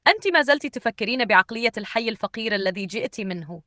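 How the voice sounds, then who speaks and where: A woman voicing a cruel rich husband who snaps commands and shouts at his wife. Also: on the high side, animated, quick pace, no echo, clean studio sound. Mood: harsh, angry.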